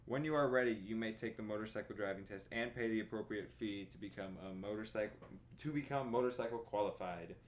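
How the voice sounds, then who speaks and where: A young man streaming from his bedroom, reading a driver's manual aloud in a plodding monotone with tired asides. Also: lowish voice, fast talker, slight background noise. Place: bedroom at home.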